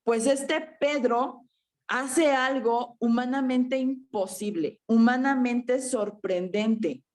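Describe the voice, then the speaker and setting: A woman's voice: on the high side, slow pace, a little mellow. A woman preaching a sermon to her congregation, often tagging her points with a questioning "verdad" and "ajá" and calling her listeners brothers and sisters. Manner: frequent rhetorical "¿verdad?" and "ajá"; addresses congregation as hermanos.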